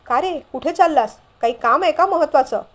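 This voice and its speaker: A woman's voice: sits high, expressive, fairly quick. Brief: a woman reading a bashful groom-to-be, curious and questioning.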